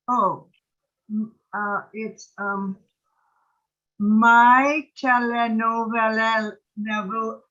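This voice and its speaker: A woman in her late seventies speaking with missing front teeth, chatting effusively and haltingly on an online call. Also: on the high side, steady tone, fairly bright tone. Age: late 70s. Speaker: participant in an online gathering. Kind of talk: casual video-call chat. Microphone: video call microphone. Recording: muffled, band-limited online call audio.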